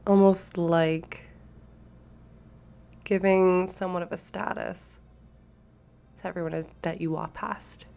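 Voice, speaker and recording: A woman's voice: fairly low pitch, little pitch movement, slow, gravelly, long pauses, dark tone. A woman narrating a tabletop role-playing game as the game master.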